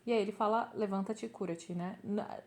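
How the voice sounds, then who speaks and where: A woman hosts a podcast conversation, speaking gently with frequent pauses and fillers. Her voice sits in an ordinary middle range. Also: mid-range voice, fairly even intonation. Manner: gentle, hesitant, many fillers. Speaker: podcast host. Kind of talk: casual interview conversation.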